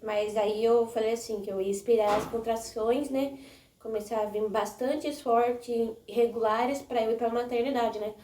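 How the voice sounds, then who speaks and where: A woman's voice: a little high, fairly even intonation, normal speed, warm tone. Rambling young woman vlogger, roomy sound. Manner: rambling, with frequent "né?" and restarts. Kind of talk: casual storytelling to viewers. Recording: echoey room, mic a bit distant.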